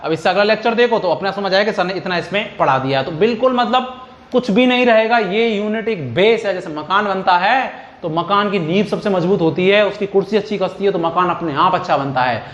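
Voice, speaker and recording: Male chemistry teacher, high voice, quizzing lecture style; roomy, muffled recording. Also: a little fast, a bit bright. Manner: repetitive, quizzing students with questions. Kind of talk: classroom lecture.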